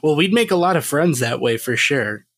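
A man's voice: a little high, expressive, moderate pace, a bit bright, dry recording. A man co-hosting a podcast in a casual, rambling chat, laughing often and swearing lightly. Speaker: podcast co-host.

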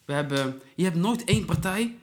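Young man, casual chat, quick delivery, slightly high voice, slangy. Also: slight background noise. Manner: relaxed street slang, frequent "bro" and "toch". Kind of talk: casual chat among friends.

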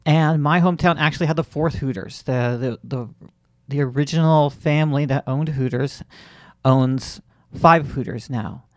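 A man's voice: on the high side, moderate pace, dry recording. A male comedy podcast host from Central Florida talks in a chatty, wry way. He often restarts his sentences as he goes. The sound is dry and close. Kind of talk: casual comedy podcast hosting.

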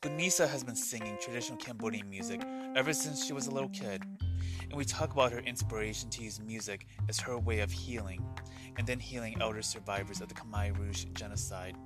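A man's voice: lowish voice, a little fast, loud music behind the voice. A man hosting a podcast interview, asking questions in an earnest, respectful way. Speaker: podcast host.

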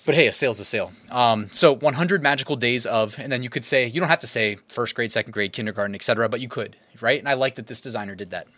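A man's voice: mid-range voice, quick pace, few pauses, a bit bright, no echo. A young adult man, out of breath, chatting loosely about his research and laughing at himself. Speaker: YouTuber sharing niche research. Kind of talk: casual screen-share commentary.

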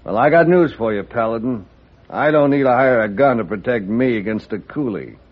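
An actor playing a scornful American railroad boss of the Old West, folksy and blunt, in a radio western. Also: male voice, mid-range voice, expressive, fairly quick, lightly acted. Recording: dull old radio recording.

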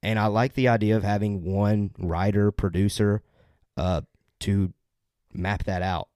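A man with a lowish voice hosts a casual podcast. He talks upbeat and loose, stumbling through plugs and correcting himself as he goes. The sound is close and dry with no room around it. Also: steady tone, unhurried, a little mellow, dry recording. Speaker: podcast host.

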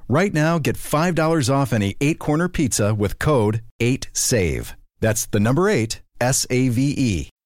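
A man's voice: mid-range voice, dry recording, clean studio sound. A man reading scripted commercials as an advertisement announcer. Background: music.

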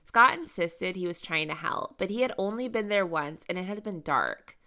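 A woman's voice: lowish voice, lively intonation, normal speed, bright, forceful tone. A woman co-hosting a true crime podcast, reading the case story aloud with blunt, salty asides. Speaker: podcast co-host.

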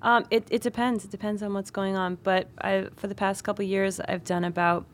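A woman's voice: medium pitch, little pitch movement, fairly quick. A young American woman from Vermont, a knife maker telling her story articulately in a studio interview. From Vermont, USA.

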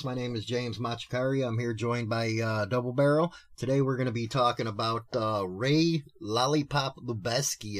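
A man's voice: mid-range voice, a bit bright, a little hiss or hum. A man hosting a talk show in casual, opinionated chat, swearing freely in a mocking way. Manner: profane, mocking.

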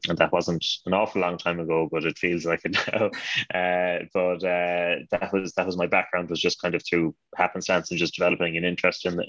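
A man from the west of Ireland with a local west of Ireland accent chats as a guest in an interview. His voice is low and stays fairly flat, and he speaks in a modest, slightly hesitant way. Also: dry recording, highs cut off. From west of Ireland (Connemara, County Galway). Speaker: guest, name studies researcher. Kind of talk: casual interview conversation.

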